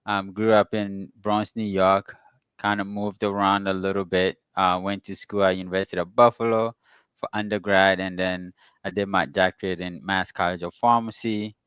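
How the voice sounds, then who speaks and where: A man's voice: low voice, flat delivery, normal speed, a bit bright, clear, resonant tone, dry recording, muffled recording. A man in his thirties from Ghana, a guest telling his story easygoingly with plenty of ums. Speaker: guest, pharmacist and real estate investor. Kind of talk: casual interview.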